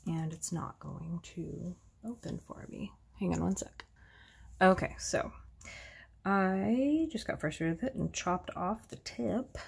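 A woman narrating a casual card-making tutorial in a relaxed, chatty way with self-deprecating asides. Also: on the low side, slow, vocal fry, breathy edge. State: sneezing, slightly congested.

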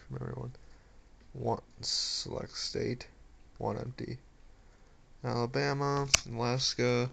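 Here an amateur gadget reviewer talks through a setup at home in a small indoor room, muttering and reading on-screen prompts aloud. His mid-range voice is gravelly, slightly rough and fairly bright, with a level tone, a slow pace and frequent pauses. The recording carries faint background noise and clicks from the device.

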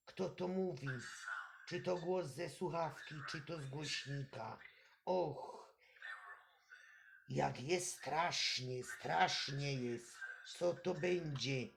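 A man's voice: fairly high pitch, creaky, a little hiss or hum. A man giving dramatic, theatrical commentary over a horror game, gasping and asking rhetorical questions. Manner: theatrical, exclamatory, full of gasps and rhetorical questions. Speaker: gameplay commentator.

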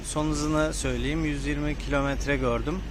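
A man's voice: fairly high pitch, fairly even intonation, normal speed, very noisy. A man giving a casual, unscripted motorcycle review from inside a helmet, explaining things a little hesitantly. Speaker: motovlogger reviewing his motorcycle.

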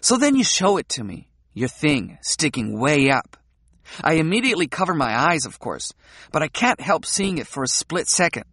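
A man's voice: a little high, normal speed, breathy edge, no room sound, clean studio sound, full character voice. A man reading an audiobook, voicing a frank, playful young woman who teases and provokes. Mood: dreamy, playful. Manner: teasing, provocative, animated.

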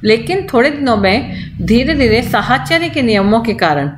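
A woman lecturer explaining a topic in a recorded lesson, going slowly, restarting words and imitating baby sounds as examples. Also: fairly high pitch, very animated, reverberant, slight background noise. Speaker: college lecturer.

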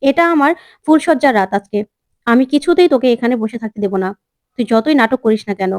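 Woman reading out stubborn young husband, high and dry, firm insistent lines. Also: animated, quick pace, a little mellow, no room sound, natural voice. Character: young man, a new husband, stubborn and protective.

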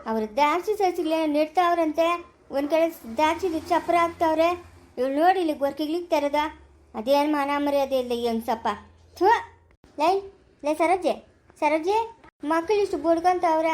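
A woman acting as a nosy village woman who scolds and calls out loudly in a family skit. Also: sits high, steady tone, fast talker, close to an everyday voice. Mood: scolding. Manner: loud calling and scolding.

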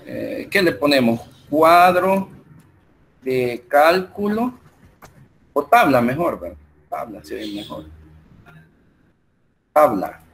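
This man's voice is fairly high and creaky, swinging widely in pitch, and there's a little hiss or hum. With a Salvadoran Spanish accent, he leads an online math class, talking slowly through numbers and a spreadsheet step by step, with lots of fillers.

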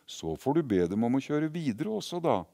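A man's voice: mid-range voice, very animated, creaky, warm tone, no echo, clean studio sound, pitched above the performer's own voice. A man voicing a crowd of exclaiming, slightly sceptical grown-ups watching a shop window in a story. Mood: amazed. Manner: exclaiming, chattering, a bit sceptical. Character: crowd of amused grown-up onlookers.

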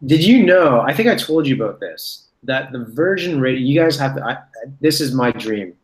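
A man's voice: mid-range voice, very animated, moderate pace, roomy sound, low-quality recording. A man in his thirties hosting a casual video-call chat from a room at home. He rambles and corrects himself as he tells stories. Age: 30s. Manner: rambling, self-correcting storyteller. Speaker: host. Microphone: webcam on a video call.

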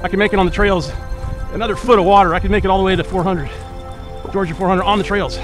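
A man narrating casually from his kayak on a flooded river, explaining paddling tips in a relaxed way, recorded outdoors on a boat-mounted action camera. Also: sits high, quick pace. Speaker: kayaking vlogger. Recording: loud ambient music under the voice.

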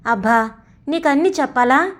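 A woman's voice: sits high, moderate pace, natural voice. A woman voicing a stubborn, resentful teenage son who talks back sarcastically in a storybook reading. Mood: defiant. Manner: sulky, defiant, sarcastic.

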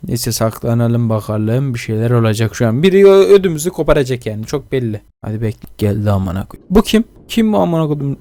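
A young man talks over a horror game and reads its lines aloud in a middle-pitched voice. He curses freely, bursting out loud when startled and then dropping to a low mutter. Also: gravelly. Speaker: gaming YouTuber. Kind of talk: casual let's-play commentary, reading game subtitles aloud.

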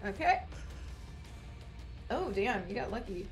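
Woman at the game table reading off her rolls, slow and easy, lots of um and like. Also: on the high side, big pitch swings, faint music behind. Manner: casual, reporting rolls with fillers. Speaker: player. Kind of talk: casual tabletop game talk.

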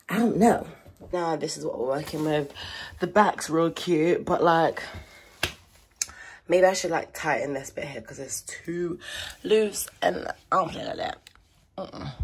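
A woman's voice: on the low side, expressive, slow pace, pauses often, fairly bright tone, slight background noise. A young woman, chatting casually and rambling to camera in a vlog, often correcting herself. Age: young adult. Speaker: vlogger. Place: at home.

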